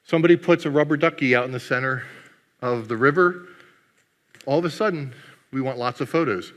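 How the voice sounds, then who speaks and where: At a conference, a Greek-native man delivers a humorous keynote, teasing the audience along the way. His voice is bright and forceful, medium in pitch and a little fast, with a long hall reverb on the sound.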